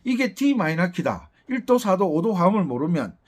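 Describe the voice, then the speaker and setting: A man's voice: high voice, sing-song, moderate pace. A middle-aged man with a Gyeongsang Korean accent, teaching an accordion lesson in a chatty, rambling way with teasing asides. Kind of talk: casual lesson talk.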